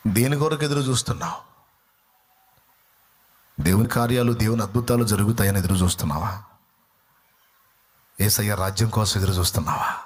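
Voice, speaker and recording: A man's voice: lowish voice, husky. Man preaching with rhetorical questions. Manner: reads scripture slowly and deliberately. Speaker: pastor. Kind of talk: sermon.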